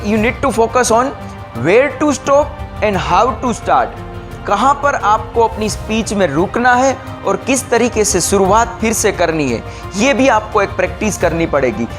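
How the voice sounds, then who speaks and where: Slow, deliberate male speech trainer. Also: sits high, fairly bright tone. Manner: slow, deliberate explaining, mixing English phrases. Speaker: public speaking trainer. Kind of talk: bilingual training talk.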